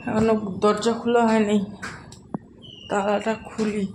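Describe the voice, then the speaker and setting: A woman's voice: medium pitch, level tone, unhurried, background noise. A young woman, narrating a casual home vlog while doing chores, chatty and talking to her child. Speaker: vlogger.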